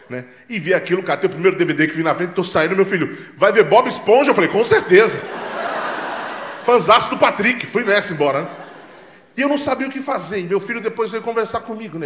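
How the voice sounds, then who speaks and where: Brazilian guy doing stand-up, high voice, loud and animated, roomy club sound. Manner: loud, animated storytelling with acted-out dialogue and swearing. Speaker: stand-up comedian. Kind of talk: stand-up comedy set. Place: comedy club stage with live audience. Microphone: handheld stage mic.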